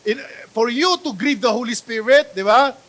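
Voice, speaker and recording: Preaching with a Filipino accent, a male pastor blends Tagalog and English, shifting from loud exclamations to quiet asides and checking in often with his congregation. His voice is very high and his pace moderate.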